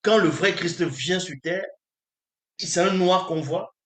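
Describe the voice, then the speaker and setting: A man preaching with insistence, his voice sitting a little high and pushing his point again and again through pointed questions to the audience. The sound carries a roomy echo around it. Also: slow, fairly bright tone. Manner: emphatic, with repeated rhetorical questions to listeners. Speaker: spiritual teacher. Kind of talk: preaching lecture.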